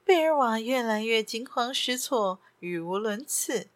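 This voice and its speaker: A woman reading a story aloud in steady scripted narration. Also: fairly high pitch, unhurried, no echo. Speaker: audiobook narrator.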